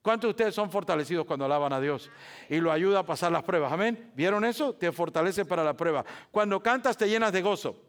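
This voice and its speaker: Preaching fast in a high-pitched voice with lively intonation, a male pastor addresses his church. He asks the congregation rhetorical questions, repeats phrases, and moves between hushed speech and loud, forceful moments.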